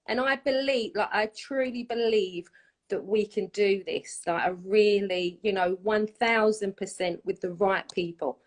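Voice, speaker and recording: A woman's voice: medium pitch, measured pace. A woman from London with a London accent, hosting a casual interview, effusive and repeating herself. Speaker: host.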